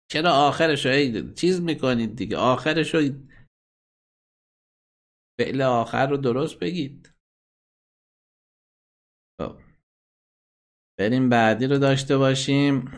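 A man's voice: medium pitch, long pauses. A man hosting a satellite call-in program, playing listener messages and bluntly scolding and insulting critics.

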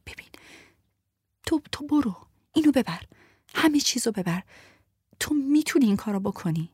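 A woman's voice: on the high side, expressive, husky, dry recording, studio quality, pitched above the performer's own voice. A woman voicing a frail, feverish young woman who is frightened but stubborn, in a whispered role-play. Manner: frightened hushed refusal.

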